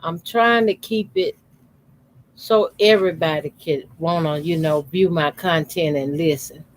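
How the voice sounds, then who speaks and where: A quilting channel host in his fifties calmly walks through a how-to demonstration at his sewing machine. He talks unhurriedly while sewing and deliberately keeps his voice low, with slight background noise.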